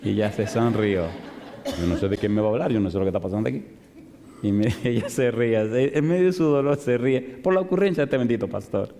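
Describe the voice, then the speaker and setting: A male pastor preaching a sermon, telling a story with animated delivery and rhetorical questions to the congregation. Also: mid-range voice, fast. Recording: long reverb of a large hall.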